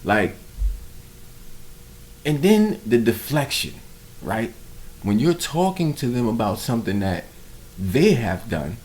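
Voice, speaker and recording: A man's voice: medium pitch, sing-song, slow, long pauses, darkish tone. A man hosting a reaction video, giving casual commentary in an emphatic, preachy way.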